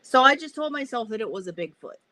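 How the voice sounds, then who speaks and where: A woman's voice: on the high side, quick pace, no room sound, poor audio. Woman telling a story, swearing. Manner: animated, swears a lot, acts out her reactions. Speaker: vlogger. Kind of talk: casual storytelling. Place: inside a camper.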